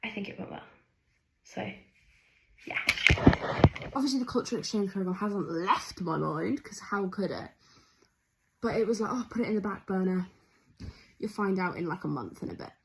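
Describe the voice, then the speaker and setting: A young woman vlogger talks in a chatty, excitable rush, full of fillers and quick restarts. Her pitch sits in the middle of the range. There is a faint hiss of noise behind her. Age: young adult. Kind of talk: casual video diary.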